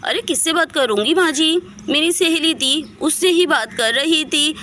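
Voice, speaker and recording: A woman's voice: high voice, slow pace, pushed and bright, a little hiss or hum, pitched above the performer's own voice, heavily acted. A woman voicing a dramatic, defensive young wife in a doll story. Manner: pleading, defensive. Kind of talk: storybook voice acting for a doll video.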